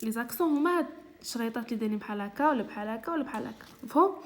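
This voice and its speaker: A woman teacher with a Moroccan Arabic accent talks through a classroom lesson. Her voice sits slightly high, and she goes over each point patiently. She repeats words slowly and keeps checking that everyone has understood. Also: lively intonation.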